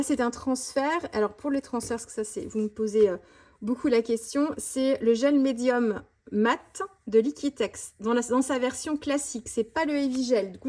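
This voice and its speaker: A woman vlogger chatting fast and casually about her art supplies, with many fillers and restarts. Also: a little high, warm tone. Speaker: mixed-media art vlogger. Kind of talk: casual tutorial chat showing art supplies.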